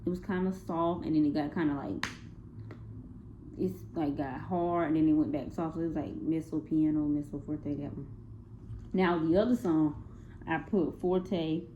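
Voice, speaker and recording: A woman's voice: low voice, steady tone, normal speed. A young woman giving a casual spoken class presentation on a music project, hesitant, with many fillers and self-corrections. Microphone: phone. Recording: tinny phone-like recording with faint noise.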